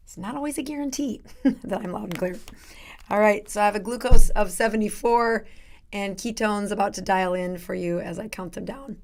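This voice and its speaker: A middle-aged woman doctor hosts her own live show, chatting casually and filling her talk with lots of fillers. Her medium-pitched voice is raspy and turning hoarse because she is losing it.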